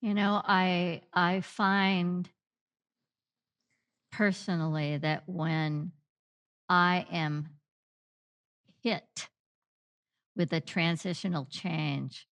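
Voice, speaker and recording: A woman hosting a reflective podcast conversation, asking gentle, searching questions with long pauses. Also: lowish voice, steady tone. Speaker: podcast host.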